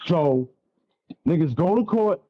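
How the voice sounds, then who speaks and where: A man's voice: fairly high pitch, animated, slow pace, narrow, tinny audio. A man, telling a blunt, profane story as a guest on a radio interview. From Staten Island, New York.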